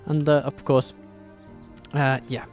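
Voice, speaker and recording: A man's voice: medium pitch, flat delivery, takes it slowly, darkish tone, soft background music. A man hosting his show and chatting through a strategy game, thinking aloud with self-deprecating humor. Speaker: host and strategy game player. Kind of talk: casual gameplay commentary.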